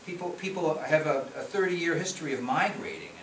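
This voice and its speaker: A man's voice: a little high, animated, a little fast, fairly bright tone. Middle-aged guy from chicago, chatty talk, stumbles and repeats, roomy echo. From Chicago area, US. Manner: conversational, frequent restarts and repeated words. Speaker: policy researcher giving a talk. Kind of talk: conference presentation with slides. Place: meeting room at a conference. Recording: echoey room from far off, noisy.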